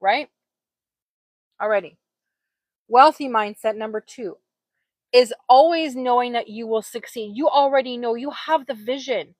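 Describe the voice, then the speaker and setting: A Polish woman in her forties hosts a casual motivational livestream, speaking earnestly and chattily straight to her viewers. Her voice is on the high side and unhurried, with long pauses, and her own microphone gives a clean, echo-free sound.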